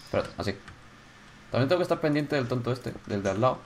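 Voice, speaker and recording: Excitable gamer narrating his game. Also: mid-range voice, quick pace, slight background noise. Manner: excitable, swears, shouts when startled. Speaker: gaming YouTuber. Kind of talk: casual gameplay commentary.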